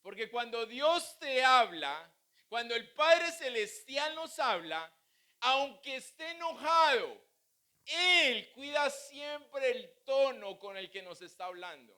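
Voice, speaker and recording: A man's voice: very high-pitched, big pitch swings, slow pace, sharp tone. A male pastor preaching a sermon, mixing humorous family stories with teaching. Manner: humorous, anecdotal preaching with acted quotes.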